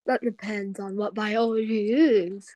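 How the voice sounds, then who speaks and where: A girl voicing Josh, a boy with a mechanical voice box, who answers in flat, matter-of-fact lines in an amateur audio drama. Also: medium pitch, measured pace, no room sound, lightly acted. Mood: deadpan.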